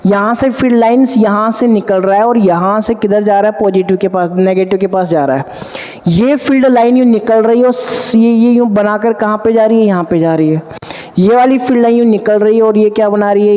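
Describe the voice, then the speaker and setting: Male physics teacher, high and mellow-toned, drills the class with call-and-answer questions; long hall reverb. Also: fairly quick. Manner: addresses students warmly as 'beta'. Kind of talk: classroom lecture at a board.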